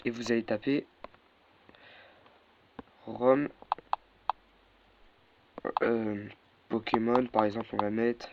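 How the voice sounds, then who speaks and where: Slow and steady, with long pauses, this young man's medium-pitched voice walks through a casual screen-recorded tutorial. He hesitates, uses many fillers, and corrects himself, all through a dull lo-fi mic carrying faint noise.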